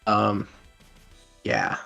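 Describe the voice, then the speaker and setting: A man's voice: extremely slow, pushed and bright, faint music behind. A man co-hosting a casual chat about a tabletop game, rambling with many "likes" and casual swearing. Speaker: co-host reviewing a tabletop game.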